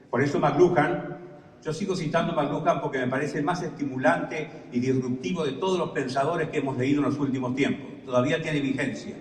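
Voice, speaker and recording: Older Argentine lecturer, slightly high voice, dry storytelling humor, recorded from afar in an echoey hall. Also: male voice. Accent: Argentine Spanish. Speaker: professor giving a master class. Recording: echoey hall, distant mic.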